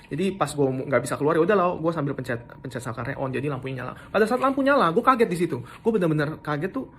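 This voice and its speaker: A man's voice: fairly high pitch, expressive, racing, a bit bright, slightly rough. A young man casually recounting something that happened to him, in slangy speech with frequent restarts and English words mixed in. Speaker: storyteller recounting an assault. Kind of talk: casual first-person storytelling.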